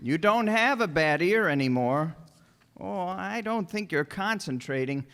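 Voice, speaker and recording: A man playing a gentle, guileless elderly guardian angel in a radio drama, courtly and fussy in an old-fashioned way. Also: sits high, lively intonation, a little slow, clear, resonant tone, full character voice. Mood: excited, wondrous. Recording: echoey stage hall, long reverb.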